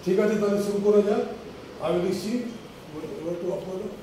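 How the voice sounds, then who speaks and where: A man's voice: sits high, fairly even intonation, brisk, dark tone, heavy reverb, distant mic, slight background noise, poor audio. A man teaching an English class, patiently repeating and spelling out letters one by one. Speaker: English tutor. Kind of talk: online class explanation.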